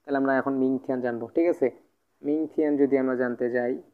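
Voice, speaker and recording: A man's voice: fairly even intonation, brisk, smooth. A man teaching Mandarin words, drilling the same words over and over in a repetitive classroom manner. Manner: repetitive drilling of words, frequent filler 'thik ache'. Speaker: language teacher. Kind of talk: explaining Mandarin words in Bengali. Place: at a whiteboard, indoors. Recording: phone-like low-quality audio.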